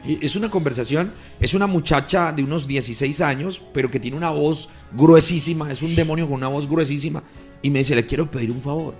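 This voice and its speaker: A male pastor tells his testimony on the radio with earnest, emphatic storytelling. His voice sits a little high for a man. Soft music plays faintly behind him. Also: fairly quick. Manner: earnest, emphatic storytelling that swells louder at key moments. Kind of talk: recounting a testimony on a radio program. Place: radio studio.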